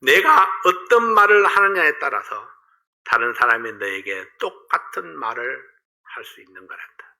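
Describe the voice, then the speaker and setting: A male preacher voicing a gentle mother who calmly teaches her young son a lesson during a sermon story. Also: mid-range voice, moderate pace, vocal fry, exaggerated voice, rough recording.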